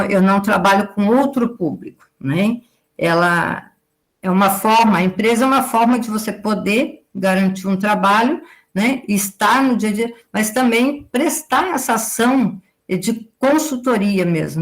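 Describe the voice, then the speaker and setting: A woman in her forties from southern Brazil giving a lecture as an agricultural consultant, explaining at length and tagging her sentences with a questioning "right?". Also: medium pitch. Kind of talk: live lecture to students.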